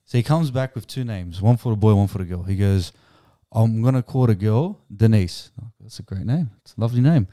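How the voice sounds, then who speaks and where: A man chatting casually and telling jokes with a halting, conversational delivery. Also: fairly low pitch, lively intonation, warm tone, no room sound, clean studio sound. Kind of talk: casual chat and joke telling.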